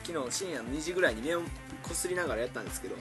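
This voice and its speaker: Guy co-hosting a radio show, teasing and laughing a lot, quick talker, music playing under him. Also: a little high, expressive. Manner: playful, teasing, laughs often. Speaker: radio show co-host reading listener mail. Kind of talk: casual radio banter. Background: background music.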